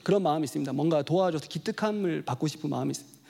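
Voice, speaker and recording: Fast-talking, high-voiced male pastor. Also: gravelly. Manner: animated storytelling, acts out child voices. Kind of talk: sermon with personal story.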